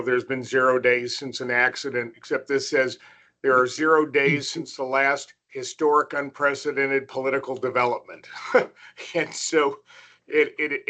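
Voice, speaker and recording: An American man presents as a panelist on an online call. His voice is crisp-edged and bright at an average male pitch. He explains informally and in a measured way, restarting phrases as he goes. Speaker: panelist, political analyst. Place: online video meeting.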